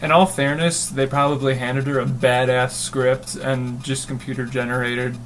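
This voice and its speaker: A man's voice: medium pitch, level tone, normal speed, a bit bright, slight background noise. A man chiming in as co-host in casual chat, throwing in dry, sarcastic quips.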